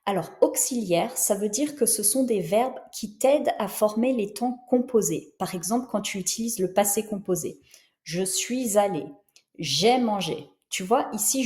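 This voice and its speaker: A woman teaching a French grammar lesson, explaining patiently and modeling each word slowly. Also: mid-range voice, a little mellow, reverberant. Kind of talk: slow, clear grammar lesson.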